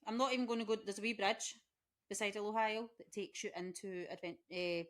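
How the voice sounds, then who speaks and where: A woman's voice: mid-range voice, steady tone, fast. Chatty woman co-hosting. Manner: chatty, jumps in with jokey asides. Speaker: podcast co-host. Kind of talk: casual chat.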